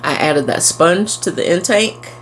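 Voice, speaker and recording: Low-voiced chatty woman with a twang. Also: unhurried, a little hiss or hum. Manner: chatty, fond and relaxed narration. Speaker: aquarium vlogger. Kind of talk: casual chat. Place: indoors at home by a fish tank.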